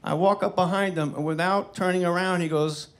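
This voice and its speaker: A man doing stand-up comedy, telling a story in an animated, incredulous way with swearing, recorded live with noise behind him. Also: high-pitched, brisk.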